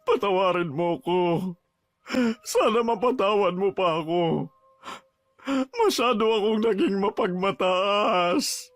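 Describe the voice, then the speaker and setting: A man's voice: fairly high pitch, big pitch swings, a bit bright, no room sound. A man playing a proud father and boss who pleads and breaks down in a dramatized horror story. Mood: pleading. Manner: pleading, distraught, quick to break down. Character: proud middle-aged father and boss, now broken.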